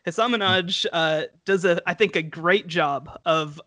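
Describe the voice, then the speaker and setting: A man's voice: high voice, measured pace, bright, forceful tone, no room sound. A young man in casual podcast chat, talking eagerly in long run-on thoughts over a headset on a video call from home. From United States. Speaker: podcast co-host. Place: home room. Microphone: headset mic on video call.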